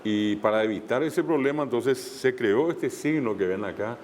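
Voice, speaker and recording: A man's voice: mid-range voice, normal speed, darkish tone, big-room sound, slight background noise. A man teaching a language class online, explaining step by step with frequent fillers and repeated examples.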